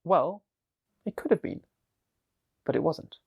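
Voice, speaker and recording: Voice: mid-range voice, animated, slow pace, creaky, slightly rough. A storyteller narrating a fantasy tale in a chatty way, with frequent asides to the listener.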